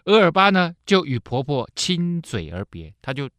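Lively male Bible teacher. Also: fairly high pitch, normal speed, smooth, no echo. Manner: lively storytelling with frequent filler particles. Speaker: Bible teacher and radio host.

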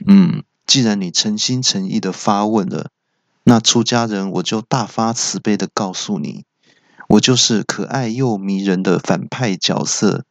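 A man's voice: lowish voice, unhurried, vocal fry, no echo. A man voicing a goofy, absent-minded monk dentist who stammers and dithers. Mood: dithering. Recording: dull lo-fi podcast audio.

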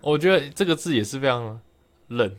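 A man's voice: medium pitch, lively intonation, brisk. A young man with a Taiwanese Mandarin accent, co-hosting a casual podcast chat, telling stories and reading out dictionary entries. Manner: chatty storyteller, reads out dictionary entries. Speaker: podcast co-host.

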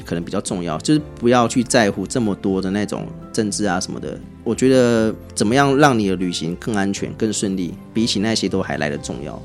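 A man with a Taiwanese Mandarin accent, a guest on a podcast, telling travel anecdotes in a chatty, animated way. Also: lowish voice. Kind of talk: casual podcast storytelling.

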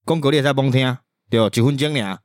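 A man's voice: medium pitch, fast, dry recording, clean studio sound. A man with a Taiwanese accent co-hosting a podcast, telling stories in a colloquial mix of dialect and Mandarin. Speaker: podcast co-host. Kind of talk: casual storytelling chat.

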